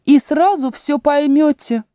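A woman's voice: high-pitched, measured pace, dark tone, dry recording, studio quality, pitched above the performer's own voice. A woman voicing a haughty, hot-tempered talking flower in a storybook reading, imperious and scolding.

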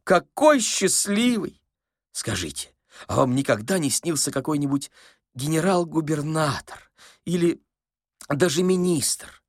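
A man voicing a frightened, tearful old man who wails and pleads in a shrill, drawn-out way. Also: expressive, no echo, studio quality. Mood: eager. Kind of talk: audiobook character voice.

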